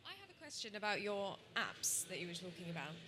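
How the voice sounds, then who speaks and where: A woman in a conference audience asking the speaker a question, measured and pausing with fillers. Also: mid-range voice, big pitch swings, crowd noise. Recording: audible background noise.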